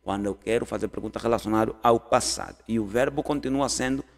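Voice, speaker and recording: A man runs a relaxed English lesson, spelling out example sentences word by word and asking his viewers questions. His voice sits in a middle register. It trails off into a long room reverb. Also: mid-range voice, gravelly. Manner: repeats example sentences slowly, asks learners questions. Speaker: English teacher. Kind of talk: casual online language lesson.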